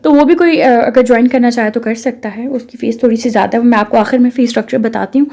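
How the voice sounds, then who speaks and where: A woman's voice: fairly high pitch, quick pace, creaky, dark tone. A woman with a Pakistani accent, an English course instructor explaining how her course works, posing rhetorical questions and slipping English phrases into her talk.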